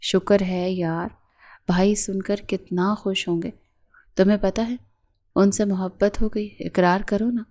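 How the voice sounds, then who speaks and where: A woman's voice: mid-range voice, steady tone, a little mellow, natural voice. Woman voicing a cheerful sister-in-law, teasing, playful, consoling, audio storybook.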